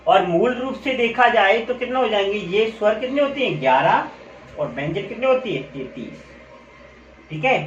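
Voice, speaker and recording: A male teacher giving a classroom lesson, asking questions and answering them himself, and repeating key terms slowly. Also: high voice, animated. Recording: echoey room, dull lo-fi sound.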